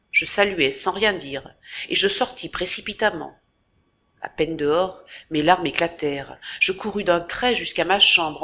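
A woman's voice: fairly low pitch, bright, forceful tone. A woman narrating a classic novel as an audiobook, with dramatic, varied emphasis, in a dull lo-fi recording. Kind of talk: expressive literary reading.

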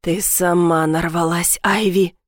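A woman's voice: level tone, slow, no echo, clean studio sound. Woman voicing a possessive, growling young lover. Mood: domineering. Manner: low growling, hissing delivery.

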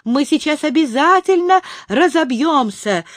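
A woman voicing a small boy in an audiobook, with frantic, shrill shouting. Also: expressive, measured pace, dry recording, clean studio sound. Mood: panicky. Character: excitable little boy, panicky and boastful. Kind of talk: audiobook character voice.

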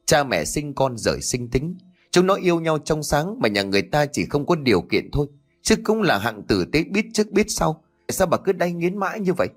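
A man voicing an angry elderly grandfather who scolds his wife in a reproachful, rapid shouting manner. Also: fairly high pitch, sing-song, soft background music, pitched above the performer's own voice. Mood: angry scolding.

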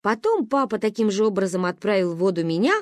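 Lively woman reading a story. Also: medium pitch, quick pace, dry recording, clean studio sound. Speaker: audiobook narrator. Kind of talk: expressive audiobook reading.

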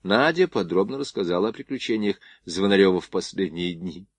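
A man narrating a novel as an audiobook, in a measured literary reading. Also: deep voice, animated, husky, no echo. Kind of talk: scripted narration.

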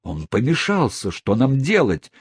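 A kindly older gentleman in an audiobook, speaking with calm earnestness, as a man voices him. The tone is husky, dry, and a little raised. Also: medium pitch, a little slow, dry recording, voice pushed up, exaggerated voice. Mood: earnest. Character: kindly, composed elderly gentleman.

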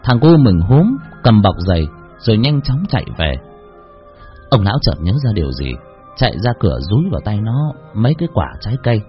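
A man narrating a story in an expressive, emotional way. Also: on the low side, a little fast. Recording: dull lo-fi with faint music.

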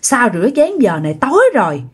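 A woman voicing a creepy, fanged female ghost who taunts slowly and menacingly, with a Southern Vietnamese accent. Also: on the high side, big pitch swings, breathy edge.

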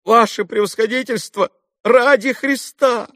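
A man's voice: high-pitched, expressive, moderate pace, husky, dry recording, clean studio sound, voice pushed up, heavily acted. A man voicing a desperate, poor army captain who pleads frantically with a doctor. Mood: pleading. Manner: frantic, imploring.

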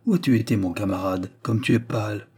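A gruff old forester in a spoken novel, father to a departing son, who talks things over in halting, rambling sentences, voiced by a man reading. The voice is dark, low and husky.

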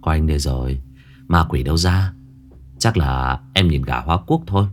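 A man playing a young husband, speaking low, calm and reassuring. His lowered voice sits over faint background music in a spoken ghost story. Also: a little fast.

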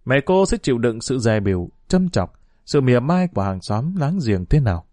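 Expressive male storyteller, dry close sound. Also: mid-range voice, moderate pace, dry recording. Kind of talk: scripted narration of a short story.

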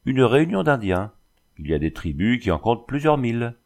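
A man reading the part of a calm, patient young French engineer in an audiobook. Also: medium pitch, fairly quick, voice pushed up.

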